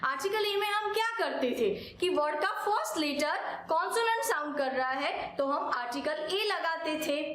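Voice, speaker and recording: A woman with an Indian accent teaching English grammar, slowly drilling examples and answering her own questions. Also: high voice, expressive, a bit bright. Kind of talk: classroom grammar lesson. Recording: very echoey room.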